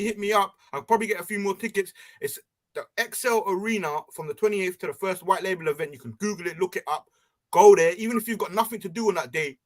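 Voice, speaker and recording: A young man talking casually and promoting an event, heard over a group voice chat on the internet. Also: sits high. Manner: animated, promotional, street slang. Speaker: panel member.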